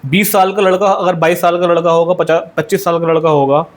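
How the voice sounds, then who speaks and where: A young man appears as a podcast guest in a conversational discussion, speaking earnestly and repeating his points while mixing English phrases into his Hindi-Urdu. His voice is high, level in tone, and fast.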